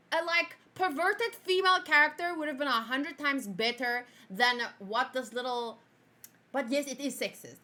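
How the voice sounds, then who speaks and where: A young woman whose first language is Afrikaans chats casually while reviewing an anime and reacting to her own old video. She giggles and switches between loud outbursts and quiet muttering, in a high voice.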